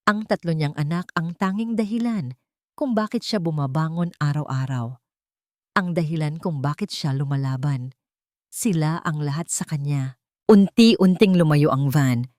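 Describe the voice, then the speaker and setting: With a deep voice and studio-quality sound free of room echo, a woman with a Filipino accent tells a Tagalog romance drama. Her scripted storytelling is dramatic, emotive and full of suspense.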